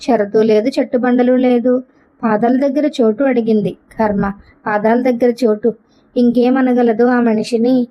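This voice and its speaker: Woman narrator, storybook reading, fairly high voice, dull lo-fi sound. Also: steady tone, unhurried. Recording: dull lo-fi recording.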